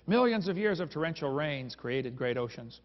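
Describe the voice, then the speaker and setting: A man's voice: a little high, animated, normal speed. A man giving a humorous lecture to a live audience, telling stories in a sarcastic, joking way and chuckling at his own lines. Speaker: creationist speaker. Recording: reverberant hall, dull lo-fi sound.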